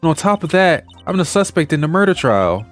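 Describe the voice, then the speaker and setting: Young woman medium, earnest and shaken, man doing the voice well above his own pitch, lively delivery. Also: fairly quick, soft background music. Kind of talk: reading game dialogue aloud.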